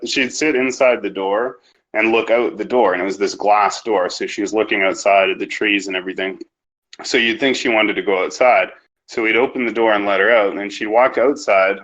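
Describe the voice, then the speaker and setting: A man's voice: lowish voice, normal speed, fairly bright tone, poor audio. A young man from Canada, a podcast guest telling rambling, profane, self-assured stories about his upbringing. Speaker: interview guest. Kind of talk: casual podcast interview.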